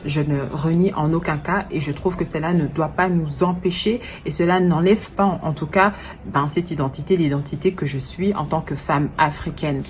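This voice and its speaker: A woman's voice: low-pitched, normal speed, a little hiss or hum. A woman in her twenties, a life coach, giving an earnest and reflective personal video message while she searches for her words. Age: 20s. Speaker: life coach and event planner.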